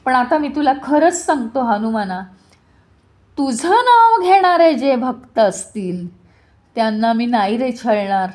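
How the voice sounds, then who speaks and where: A woman's voice: on the high side, big pitch swings, a little slow, a little mellow. A woman storyteller voicing an arrogant male deity now crushed and pleading for mercy.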